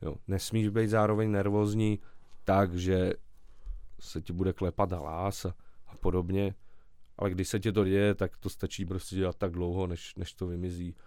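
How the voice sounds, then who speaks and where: Low-voiced man chatting casually, dry mic. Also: clear, resonant tone, no echo. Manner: relaxed, rambling storytelling with slangy asides. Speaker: podcast guest, stand-up comedian. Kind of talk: casual conversational interview.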